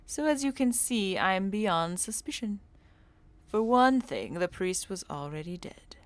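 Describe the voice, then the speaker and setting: A woman's voice: medium pitch, animated, measured pace, close to an everyday voice. A woman voicing a sly, theatrical male cultist in a game, with polished, mock-formal phrasing. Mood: pompous.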